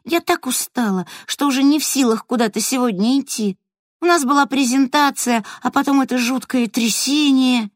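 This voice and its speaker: High young girl, voiced by a woman. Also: normal speed, no room sound, clean studio sound, close to an everyday voice. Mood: worried. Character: tired curious young girl.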